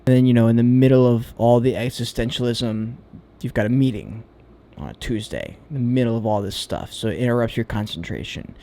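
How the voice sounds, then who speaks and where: A man's voice: medium pitch, lively intonation, brisk, mellow. A man in a searching, profane monologue. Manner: searching, hesitant, swears often. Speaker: vlogger. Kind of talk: candid reflective monologue.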